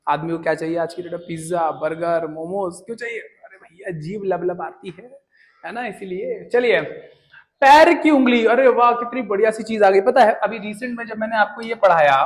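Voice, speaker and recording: A young man teaching English words in a casual, joking lesson, often asking questions and answering them himself. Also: very high-pitched. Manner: chatty, jokey, asks and answers his own questions.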